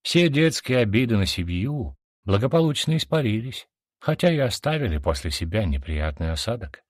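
A man's voice: lowish voice, very animated, moderate pace, no room sound, clean studio sound. A man narrating a fantasy audiobook with dramatic storytelling.

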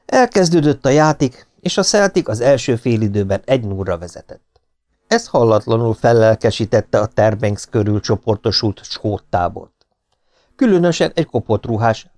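Male narrator, animated, dry close sound, audiobook reading. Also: on the low side, no echo.

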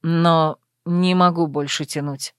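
A woman reading an audiobook and voicing a confident male werewolf lover, calm and assured. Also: low-pitched, slow pace, clear, resonant tone, dry recording, studio quality, voice pushed down.

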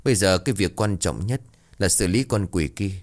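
A man's voice: low voice, expressive, moderate pace, darkish tone. A man voicing an older male exorcist who speaks firmly and gets straight to business. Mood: resolute. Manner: firm, businesslike.

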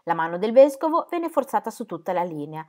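A woman reading a novel aloud in a measured, expressive way. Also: medium pitch. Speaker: audiobook reader.

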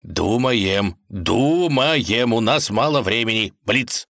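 A man's voice: deep voice, unhurried, a bit bright, no room sound, clean studio sound. A man voicing a cunning, self-important male wolf who speaks slyly and commandingly in a fairy tale. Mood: scheming. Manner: sly, commanding, self-assured.

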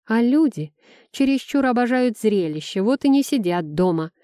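A brisk, bossy young woman in an audiobook, played by a woman reader snaps out short, commanding lines. The voice has a mellow, dark tone and sits dry and close to the mic. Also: on the high side, expressive, no room sound, pitched above the performer's own voice, lightly acted. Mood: urgent. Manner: clipped, commanding delivery. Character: brisk red-haired young woman, bossy and quick-witted.

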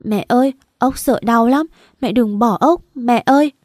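A woman's voice: a little high, moderate pace, warm tone, dry recording, studio quality, lightly acted. A woman voicing a small boy who cries and begs his mother not to die, sobbing as he speaks. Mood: crying. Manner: sobbing, begging.

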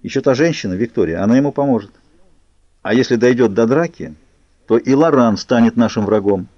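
A man voicing a cold, angry young male vampire in an audiobook, talking low and clipped. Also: animated, brisk, darkish tone, no room sound, natural voice. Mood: urgent. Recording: muffled lo-fi recording.

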